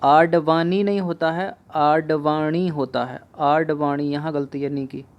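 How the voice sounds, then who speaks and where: Male exam-prep tutor, slow deliberate pacing, repeats words for emphasis. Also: fairly high pitch, steady tone, highs cut off. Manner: slow, repeats each word several times while explaining. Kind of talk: spoken Hindi spelling lesson.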